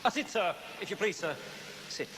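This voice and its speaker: A man's voice: sits high, animated, normal speed, long reverb tail, background noise. A man playing a menacing, vengeful London barber who hides behind formal courtesy, in theatrical stage dialogue. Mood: obsequious.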